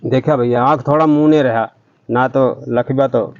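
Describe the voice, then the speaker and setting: A man with an Awadhi accent playing a smooth-talking village doctor in a rustic comedy skit. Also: medium pitch, fairly even intonation, normal speed, muffled recording. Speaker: fake doctor in a comedy sketch.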